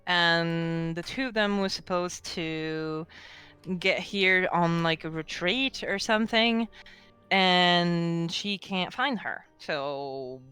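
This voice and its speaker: A woman's voice: lowish voice, takes it slowly, pushed and bright, clean tone, faint music behind. A woman narrating a tabletop role-playing game as game master, in a chatty and hesitant way with many fillers.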